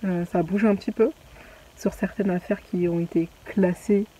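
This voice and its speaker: A woman's voice: mid-range voice, fairly even intonation, moderate pace, dark tone, slight background noise, low-quality recording. A young woman vlogging casually, rambling with many fillers and restarts. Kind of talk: casual chatty vlog.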